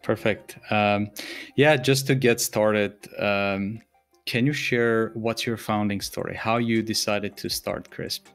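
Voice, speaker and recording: A man's voice: on the low side, steady tone, slow pace, soft background music. A man in his thirties hosting a podcast over a video call, asking questions with many fillers. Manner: warm-up phrasing, many "uh" fillers. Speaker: podcast host. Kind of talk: casual interview hosting.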